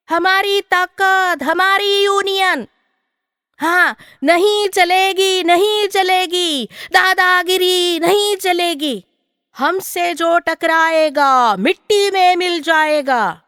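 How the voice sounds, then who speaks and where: A woman voicing a young boy who leads a children's protest game, chanting slogans slowly and loudly. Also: extremely high pitch, no room sound, studio quality, long reverb tail, pitched above the performer's own voice, heavily acted.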